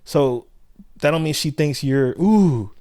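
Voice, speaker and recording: Podcast co-host, young adult man from South Central Los Angeles, fairly high voice, slangy and loose, close dry mic. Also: normal speed, darkish tone, no echo. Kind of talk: casual podcast chat.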